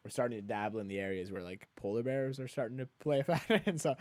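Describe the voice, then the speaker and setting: A man's voice: medium pitch, expressive, quick pace, a little mellow. A man talking casually as a podcast guest, rambling with lots of "like" fillers. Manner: rambling, many "like" fillers, frequent laughs. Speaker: guest, kayak explorer.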